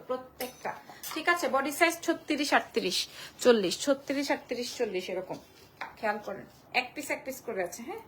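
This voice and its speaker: A woman selling clothes on a live stream from a small shop, repeating prices and sizes in a quick sales patter. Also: sits high, a bit bright, a little hiss or hum. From Bangladesh. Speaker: online clothing shop seller.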